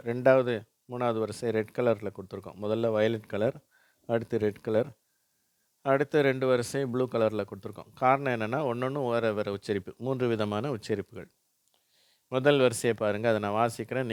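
A man's voice: medium pitch, clear, resonant tone, no echo, clean studio sound. A man teaching English phonics, reading single words aloud for learners to repeat. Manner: slow, drilling words with a pause after each.

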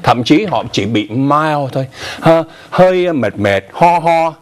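An older man co-hosts a casual morning news program, his pitch swinging lively up and down as he explains. He talks in a chatty, conversational way, stopping for asides, and his voice comes through clean on a lapel mic in a TV studio. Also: takes it slowly. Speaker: news show co-host.

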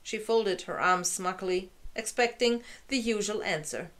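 A woman narrating a fairy tale as a storyteller, in a gentle, unhurried read-aloud manner. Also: mid-range voice.

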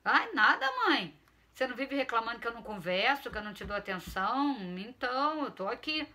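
A woman's voice: on the high side, animated, a little fast, bright, forceful tone. A woman voicing a pushy, sulky teenage boy who pleads insistently with his mother in a read-aloud story. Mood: pleading. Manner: insistent, exasperated, wheedling. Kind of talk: storytelling reading.

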